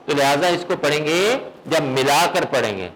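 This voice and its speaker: A man teaching a recitation class who keeps putting questions to his students, often checks with "okay?", and drills the sounds slowly, one at a time. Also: on the high side, expressive, fairly bright tone, slight background noise, rough recording.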